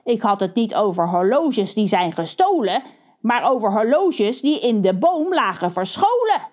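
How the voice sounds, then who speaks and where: A woman's voice: a little high, very animated, unhurried, darkish tone. A woman doing a blustering, greedy crow boss. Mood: smooth-talking. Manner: indignant, blustering. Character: scheming male crow boss, greedy and bossy.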